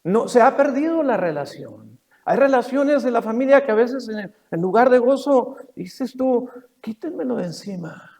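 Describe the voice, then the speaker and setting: High-pitched preacher in echoing hall. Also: male voice, normal speed. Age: older. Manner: animated storytelling, swings from loud to soft. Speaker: pastor. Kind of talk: sermon. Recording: long reverb of a church hall.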